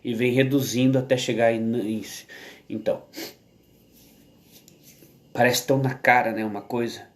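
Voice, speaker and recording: A Brazilian man talks through a slow, casual vlog at home. His voice sits in an ordinary middle pitch. He rambles, restarts his sentences and keeps checking in with his listener. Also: steady tone. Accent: Brazilian Portuguese. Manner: rambling and halting, with many restarts and tag questions. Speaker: vlogger. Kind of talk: casual monologue to camera.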